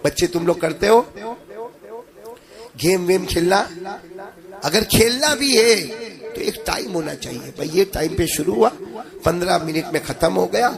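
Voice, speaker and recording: A man's voice: sits high, animated, gravelly, pauses often, a crowd in the background. A man preaching an emotional religious sermon, rising into chanted passages and putting questions to the audience. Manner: addresses the audience directly with questions.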